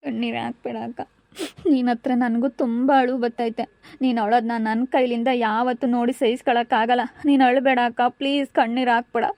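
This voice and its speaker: A woman's voice: fairly high pitch, flat delivery, quick pace, darkish tone, dry recording, natural voice. A woman playing a pleading, devoted younger sister. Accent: rural central Karnataka Kannada. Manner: pleading, insistent comforting. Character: devoted younger sister consoling a crying elder sister. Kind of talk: amateur village family drama.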